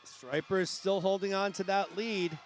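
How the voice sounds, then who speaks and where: A man with a New England accent calling a youth swim meet live, brisk play-by-play that rises at the finishes. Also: sits high, steady tone, slight background noise. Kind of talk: live sports commentary.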